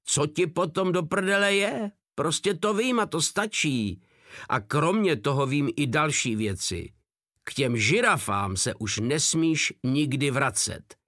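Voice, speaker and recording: A man's voice: fairly high pitch, expressive, fairly bright tone, no room sound, studio quality. A man voicing a huge, crude soldier who mocks and threatens coldly, read as an audiobook. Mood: menacing. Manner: coldly mocking, foul-mouthed.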